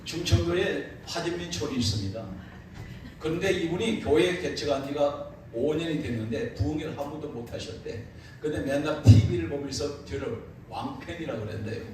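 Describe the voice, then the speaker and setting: A man's voice: on the high side, normal speed. A man preaching at a revival meeting, telling funny stories and laughing as he goes. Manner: animated, laughing through his anecdotes. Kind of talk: humorous revival sermon storytelling. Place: church sanctuary. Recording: echoey church hall, distant mic, room noise.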